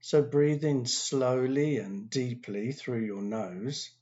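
A man leads a guided meditation in an unhurried, soothing voice, leaving long silences between phrases. His pitch sits in an ordinary middle range. The recording sounds a little dull and lo-fi. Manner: slow, calm, soothing instructions with long pauses. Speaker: meditation teacher.

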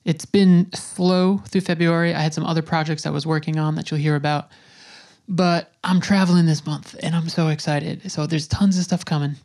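A woman's voice: deep voice, steady tone, moderate pace, darkish tone. A woman speaking casually and informally as a podcast host.

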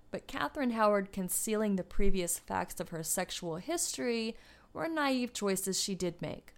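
A woman narrates history for her podcast in a scripted, storytelling way. She throws in wry asides now and then, and her voice sits in an ordinary middle pitch. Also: smooth. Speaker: podcast host.

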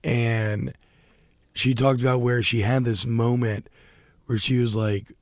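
Speaking slowly in a level, medium-pitched voice, a young podcast co-host chats casually about a TV show, poking fun at himself and restarting often as he rambles. The studio sound is clean, with no room sound.

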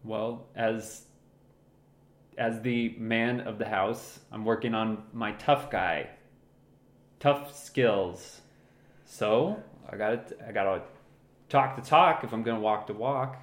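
A man's voice: lowish voice, roomy sound. A man playing a teenage boy trying to act tough as the man of the house, in an improvised comedy. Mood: earnest. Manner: slow cocky tough-guy talk, mock Boston swagger.

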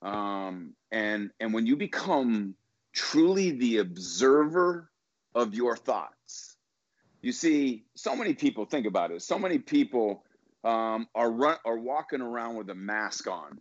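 Middle-aged male guest, ex-pitcher, emphatic motivational storyteller; dull, dry recording. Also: measured pace, no echo. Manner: emphatic, motivational, repeats words when excited. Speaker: guest, former baseball pitcher. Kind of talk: storytelling in a podcast interview.

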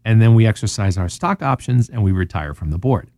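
A man with a Southern US accent hosting a financial talk show, explaining markets in an animated, sarcastic way full of rhetorical questions. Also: fairly low pitch, a little fast, no room sound, studio quality. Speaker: radio show host.

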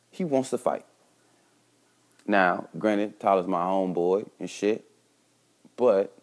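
A man's voice: on the low side, darkish tone. A man casually telling a slangy story from his own life, acting out the dialogue of his friends. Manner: laid-back slangy storytelling, reenacts dialogue. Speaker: podcast host.

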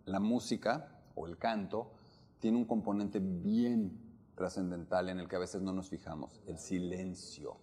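A man with a Mexican accent giving a lively talk to a live audience, questioning listeners and acting out the melody of speech. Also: low-pitched, measured pace. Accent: Mexican Spanish. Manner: animated, questions the audience, demonstrates intonation. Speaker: opera workshop lecturer.

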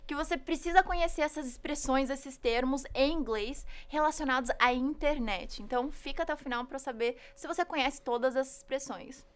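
A woman's voice: sits high, fairly quick, hardly any pauses. A woman hosting a casual chat, cheerful and laughing often as she explains terms. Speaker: English teacher and channel host.

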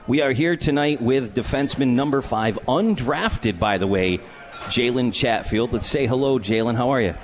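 A man's voice: medium pitch, normal speed, soft background music. A man hosting a sports radio show, interviewing in a conversational way. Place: bar and grill live broadcast.

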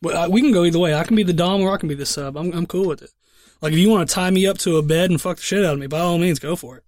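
A man's voice: high voice, racing, darkish tone, no room sound, studio quality. A young man co-hosting a podcast, telling a crude story in rambling, profane casual chat with lots of restarts. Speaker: podcast co-host.

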